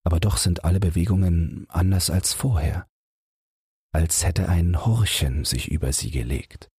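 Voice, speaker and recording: A man narrating a bedtime audiobook in a low, husky voice, slow and unhurried. The reading is gentle and measured, recorded close and dry with no room sound. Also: dry recording.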